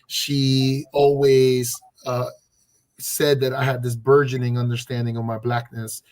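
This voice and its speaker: A man's voice: mid-range voice, monotone, a little slow, darkish tone. A man from Colombia, a guest on a video call, telling his story in a reflective, casual way with many fillers and restarts.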